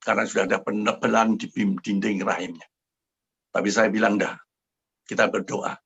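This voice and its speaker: An older man preaching and telling his own story to a congregation on a video call, fervent and swinging from quiet to loud. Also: fairly low pitch, fairly even intonation, moderate pace, creaky, husky, highs cut off. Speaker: pastor. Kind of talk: sermon with testimony.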